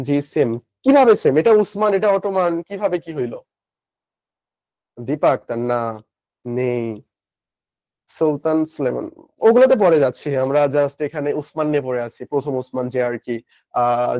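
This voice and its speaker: A man's voice: medium pitch, normal speed, long pauses, a little mellow, no room sound. A young man with a Bangladeshi Bengali accent teaching a live online class, chatty, asking and answering his own questions and reading out student comments. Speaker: online admission-coaching teacher.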